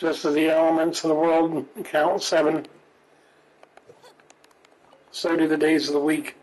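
A man's voice: a little high, completely flat delivery, unhurried, darkish tone, poor audio. A man playing a video game on stream, chatting casually, reading in-game text aloud and chuckling often. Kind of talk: casual gameplay commentary.

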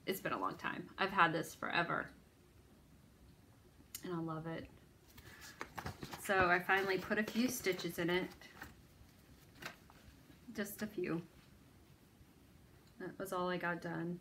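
A woman's voice: lowish voice, steady tone, slow pace, pauses often, pushed and bright, slight background noise. A woman hosting a needlework video, chatting casually about her stitching projects in a rambling, self-deprecating way. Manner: rambling, self-deprecating, lots of ums and restarts.

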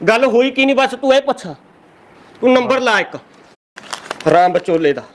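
A man playing a whiny henpecked villager, very high voice. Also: lively intonation, normal speed, a little hiss or hum. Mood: whining. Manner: whiny, complaining, tipsy. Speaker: comic village character. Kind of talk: rural comedy sketch.

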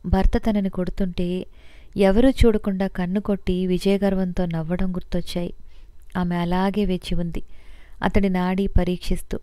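Woman audio-novel narrator, low mellow voice, dry close sound. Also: clear, resonant tone, no echo. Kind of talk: scripted narration.

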